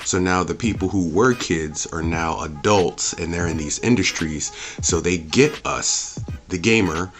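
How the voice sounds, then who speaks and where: The host of a movie and game review channel rants off the cuff in a low voice at a measured pace, barely pausing, as faint music plays behind him. He's blunt, emphatic, and opinionated, firing off rhetorical questions and swearing.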